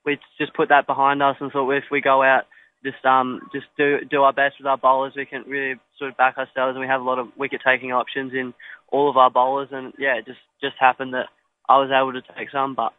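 A man's voice: medium pitch, monotone, quick pace, dry recording. A young man answering interview questions modestly, with many fillers and restarts. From Australia. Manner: hesitant, filler-heavy, modest. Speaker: cricketer. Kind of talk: post-match interview. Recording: tinny phone line.

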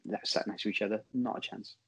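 A man's voice: lowish voice, steady tone, fast, slight background noise. A man giving casual football punditry as a podcast guest. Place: video call over Skype.

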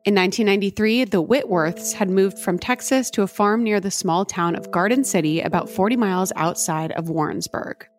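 A woman's voice: mid-range voice, brisk, hardly any pauses, soft background music. An American woman hosting a true crime podcast, moving between chat and scripted reading. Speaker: podcast host.

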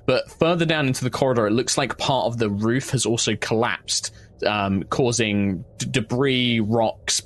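A man narrating a tabletop game as game master, describing scenes in a measured, halting way. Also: fairly low pitch.

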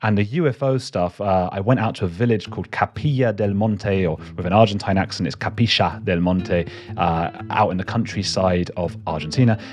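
A man's voice: low-pitched, quick pace, few pauses, a little mellow, husky. A man, a documentary maker, telling rambling, self-deprecating stories in a casual chat as a guest.

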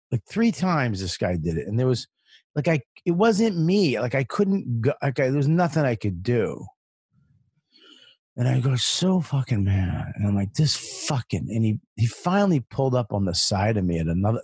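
A man guest on a casual podcast, telling stories in an animated way with a lot of swearing and restarts. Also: mid-range voice, breathy edge, no room sound, studio quality. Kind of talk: casual storytelling chat.

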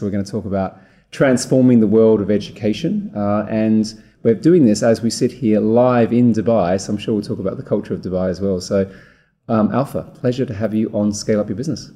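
A man's voice: lowish voice, fast, warm tone, no echo. A man hosting a business podcast, introducing his guest with enthusiasm and some rambling restarts. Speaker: podcast host. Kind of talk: podcast interview. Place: studio in Dubai.

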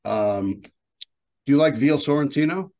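A man's voice: mid-range voice, expressive, a little slow, darkish tone. Easygoing man talking about recipes. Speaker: guest, app developer. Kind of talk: casual conversation.

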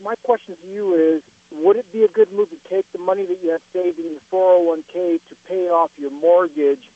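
A man's voice: sits high, fairly even intonation, normal speed, no room sound. A man in his forties calling in to a radio show over a phone line, polite and thankful as he asks his question. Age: 40s. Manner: polite, thanks the host repeatedly. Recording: dull lo-fi phone audio with faint music.

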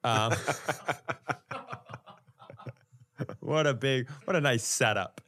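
A podcast co-host tells casual comic stories in a blunt, exasperated manner, swearing freely. His mid-range male voice is a bit bright and very slow.

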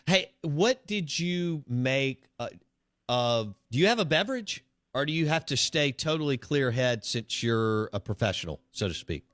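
A man's voice: mid-range voice, very animated, normal speed, fairly bright tone, no room sound, clean studio sound. A man hosting a casual morning sports radio show, chatting and rambling with lots of fillers. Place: radio studio.

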